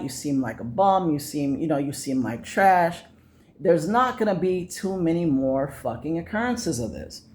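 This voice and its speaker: A man telling a personal story in a casual monologue, blunt and profane, repeating phrases for emphasis. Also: high voice. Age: adult. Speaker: vlogger.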